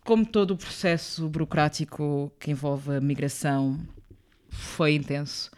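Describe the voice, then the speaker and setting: A woman's voice: low-pitched, fairly even intonation, normal speed, a little mellow, clear, resonant tone. A young woman from Angola, speaking as an interview guest, thoughtful, often circling back and adding small tag questions. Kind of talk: reflective interview conversation.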